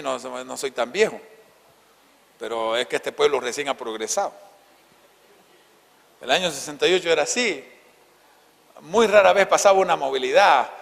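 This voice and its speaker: A man in his fifties with a Santa Cruz Bolivian accent, preaching a sermon and telling a childhood story, often dropping to soft, hushed tones. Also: fairly high pitch, gravelly, long reverb tail. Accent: Bolivian Spanish, Santa Cruz. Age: 50s. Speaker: pastor. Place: church hall.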